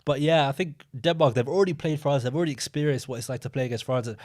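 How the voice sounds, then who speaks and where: An animated young man co-hosting a football podcast, telling long stories in a casual, rambling way. His voice sits in the middle of the range. He keeps talking, with a loose, chatty delivery. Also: medium pitch, fast talker. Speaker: podcast co-host.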